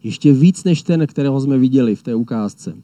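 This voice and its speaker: A man preaching a sermon in an earnest, measured way, often restating his point. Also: mid-range voice, animated, mellow, no echo. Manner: earnest, measured, repeats phrases.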